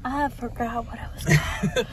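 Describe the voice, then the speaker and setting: A woman's voice: on the high side, steady tone, moderate pace. A woman with a Southern US drawl chatting casually to her viewers from inside a car, addressing them as y'all. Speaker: vlogger.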